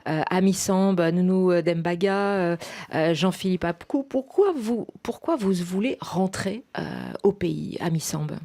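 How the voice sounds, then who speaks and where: A woman hosts a radio interview in a studio, her voice sitting a little low. She guides her guests with questions and hesitates often as she goes. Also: a little slow, dark tone. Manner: hesitant, many fillers, guiding questions. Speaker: radio host.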